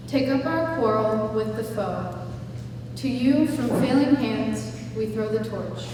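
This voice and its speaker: A woman's voice: a little high, background noise. A woman giving a solemn poetry recitation at a remembrance ceremony. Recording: echoey hall from far off, humming.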